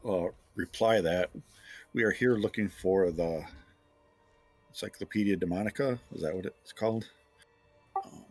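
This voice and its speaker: A man's voice: sits low, a little mellow, breathy edge. A man talking casually as a player in a tabletop game, describing his moves off the cuff. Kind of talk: casual improvised game talk.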